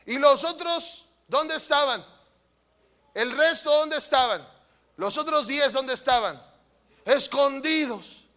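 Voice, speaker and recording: High, bright-voiced male preacher. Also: slow, pauses often. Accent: Mexican Spanish. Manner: acts out voices, then shouts at the congregation. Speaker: pastor. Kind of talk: sermon.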